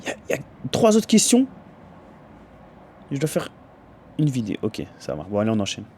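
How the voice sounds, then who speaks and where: A young man with a hoarse voice, chatting casually in a vlog and laughing often. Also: medium pitch, wildly swooping pitch, brisk, dark tone. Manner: laughs often, mixes French and English. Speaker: vlogger. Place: small room indoors.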